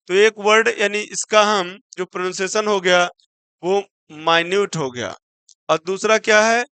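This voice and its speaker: A man's voice: high-pitched, bright, forceful tone, clear, resonant tone, dry recording. A man teaching an exam-prep English vocabulary lesson, mixing Hindi with English terms, asking his own questions and spelling words out letter by letter. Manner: spells words out letter by letter and slows right down on example sentences.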